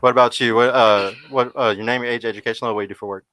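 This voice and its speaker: A man's voice: mid-range voice, fairly even intonation, racing, bright, forceful tone, no echo. A man hosting a casual dating podcast, from Texas, often stammering and repeating his questions. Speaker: dating show host.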